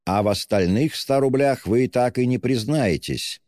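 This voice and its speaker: A man's voice: deep voice, expressive, unhurried, darkish tone, clean studio sound. A man voicing a smug, pompous official. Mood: insinuating. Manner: reproachful, coldly polite. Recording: long hall reverb.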